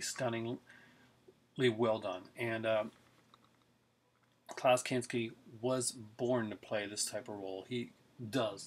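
Sitting in his living room before a webcam at close range, a middle-aged film collector gives a casual, eager video review of his collection, full of rambling and fillers. His voice is mid-range, with slight background noise present.

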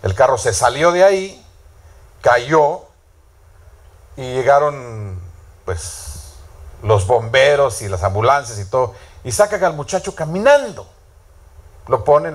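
A man preaching a sermon in a storytelling way, often asking the congregation questions. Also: mid-range voice. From Latin America.

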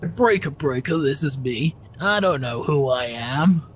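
A man's voice: fairly high pitch, lively intonation, a little slow. A man putting on a confused radio caller, chattering in mock walkie-talkie talk with call signs and sign-offs. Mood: goofy. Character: confused male radio caller who forgets who he is. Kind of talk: playful in-game role-play.

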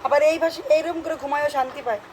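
High-voiced young woman cooing to a baby. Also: rapid-fire, slight background noise, poor audio. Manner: soft cooing baby talk between chatty asides. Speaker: vlogger minding a baby. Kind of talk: casual chat to viewers.

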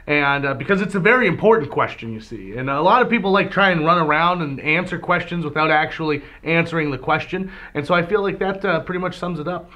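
Man, slightly high and bright, radio DJ playing it straight in a spoof debate. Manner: mock-serious, rambling non-answers. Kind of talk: mock debate comedy.

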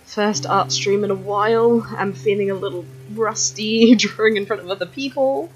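A woman's voice: mid-range voice, normal speed, lo-fi sound. A woman chatting casually to her viewers while she draws on a livestream, laughing often and reacting to their comments. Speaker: art streamer. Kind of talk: casual chat while drawing on stream. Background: faint background music.

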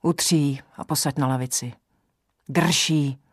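A woman voicing a gruff, bossy old village herb-woman who speaks in curt commands in an audiobook. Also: deep voice, fairly even intonation, no echo, studio quality. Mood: brusque. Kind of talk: audiobook character voice.

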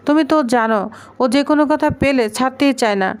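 A firm, scolding mother of grown sons, as a woman narrator reads her. The voice is high and crisp. Her lines are read in a plain recap manner. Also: quick pace, close to an everyday voice.

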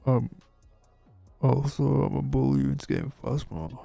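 A man chatting casually while streaming a game, rambling and hesitant, with a croaky, sleepy voice. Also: mid-range voice, level tone, measured pace, warm tone, soft background music. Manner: rambling and hesitant, many restarts. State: sleepy, yawning. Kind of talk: casual live-stream chat.

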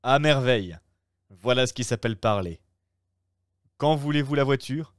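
A man reading aloud and voicing a calm, shrewd young gentleman who talks in a measured, persuasive way. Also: mid-range voice, clear, resonant tone, no room sound, clean studio sound, lightly acted.

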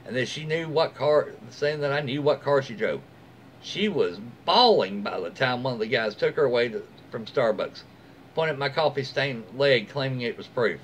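This is a middle-aged American man hosting a reading of online stories, talking to his followers in a relaxed way. His medium-pitched voice bounces up and down with energy, and he throws in informal, folksy comments. Faint background noise can be heard in the small room at home where he records.

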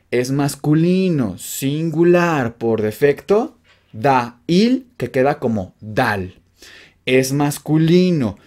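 A man's voice: mid-range voice, a little mellow. A man giving an online beginner language lesson, repeating each phrase and checking in with the learner, recorded at home. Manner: repetitive, drilling phrases slowly and checking in with the learner. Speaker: language teacher. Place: home studio with building noise from the neighbours.

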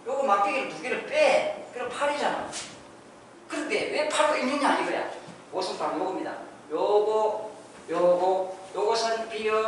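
A man's voice: sits high, fairly bright tone, slight background noise. Man lecturing in an echoey hall. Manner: explains step by step with rhetorical questions. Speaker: lecturer on ancient Korean script. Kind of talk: lecture with board explanations. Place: lecture room. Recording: echoey hall, distant mic, faint ambience.

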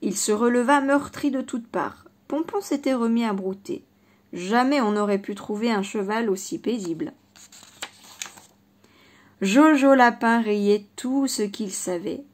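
A woman reading a children's storybook aloud in a lively, expressive voice. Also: on the high side, a little slow.

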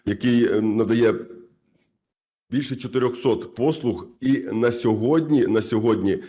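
A man from Ukraine, a community head, gives a conference speech in a halting, earnest way, full of filler sounds and restarts. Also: mid-range voice, dark tone. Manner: earnest, repeats himself for emphasis.

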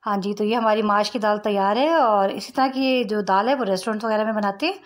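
With a medium-pitched, brisk voice, a middle-aged woman teaches home cooking at the stove, explaining every step and adding friendly asides. It's shot on a phone held above the pot in an echoey kitchen full of frying and sizzling noise.

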